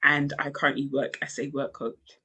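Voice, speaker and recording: A woman in her twenties talking candidly in a casual podcast chat, animated and quick to laugh. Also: low-pitched, husky. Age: 20s. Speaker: podcast co-host.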